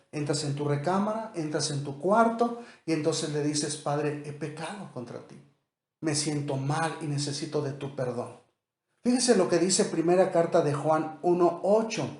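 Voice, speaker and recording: A man's voice: fairly high pitch, darkish tone, roomy sound. A man, preaching a sermon as pastor, talking conversationally and asking rhetorical questions.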